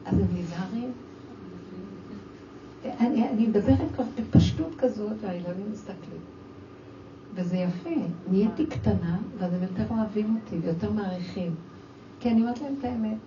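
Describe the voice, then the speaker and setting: A woman's voice: mid-range voice, long pauses. An older woman giving an emotional religious talk to a group, exclaiming and acting out her own scolding of children. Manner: animated, exclaiming, acts out quoted scolding. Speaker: speaker addressing a women's audience. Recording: distant, dull lo-fi with faint noise.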